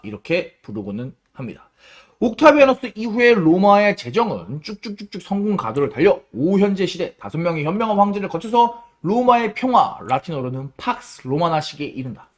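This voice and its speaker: A man teaching a history lecture to students, lively and casual, asking questions and answering them himself. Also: high-pitched. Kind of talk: classroom lecture.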